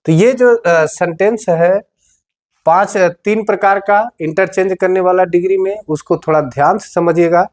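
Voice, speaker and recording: A man's voice: high-pitched, steady tone, moderate pace. A male teacher giving a board-exam grammar lesson, explaining patiently, repeating key words and speaking straight to his students.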